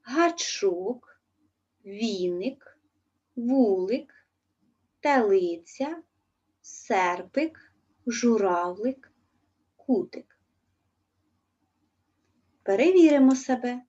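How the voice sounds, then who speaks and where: A Ukrainian woman teacher talks her pupils through a lesson at an unhurried pace, pausing to spell out each word. Her voice is a little husky, and the recording sounds dull and lo-fi. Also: a little high, expressive, dark tone. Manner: slow, careful dictation of words and suffixes. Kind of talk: remote school lesson.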